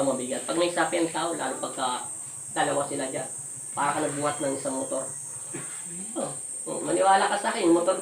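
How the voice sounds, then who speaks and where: A woman folk healer interrogating a spirit during a healing ritual, commanding and repeating her questions loudly. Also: sits low, vocal fry. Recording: echoey room, voice from some distance, faint hiss.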